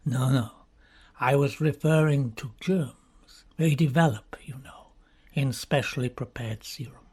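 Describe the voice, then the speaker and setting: A male narrator takes on a sinister, grave country doctor of middle age, breathily asking probing questions slowly and deliberately. The pitch is medium with a slightly mellow quality.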